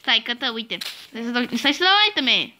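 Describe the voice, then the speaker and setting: A woman's voice: a little high, animated, background noise. A young woman hosting a casual Minecraft let's-play, bossy and teasing toward her friend. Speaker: host.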